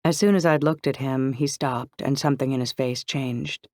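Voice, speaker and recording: Male narrator, mid pitch, even first-person read, dry booth sound. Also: normal speed, no echo. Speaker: audiobook narrator.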